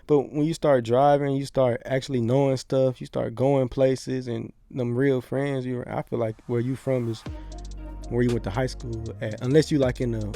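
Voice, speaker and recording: A man's voice: mid-range voice, little pitch movement, moderate pace, vocal fry, mellow, faint music behind. A man from Florida, a podcast guest telling stories in a laid-back, slangy, rambling way. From Pensacola, Florida. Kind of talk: casual podcast chat.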